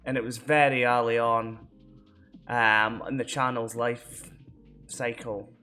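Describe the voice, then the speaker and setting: A Scottish man looks back on his videos in loose, rambling talk, circling back with "as I say" and plenty of fillers. His voice is bright and forceful, at a middling pitch. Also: flat delivery, slow, soft background music. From Scotland. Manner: rambling, full of fillers and restarts. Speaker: vlogger. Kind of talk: casual reflective chat.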